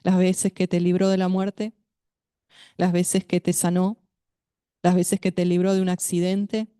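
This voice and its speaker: A woman's voice: on the low side, completely flat delivery, warm tone, clean tone, no room sound, studio quality. A woman preaching at a women's meeting, speaking to her listeners directly and asking them questions. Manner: measured, addresses listeners directly as sister with questions. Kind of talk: sermon.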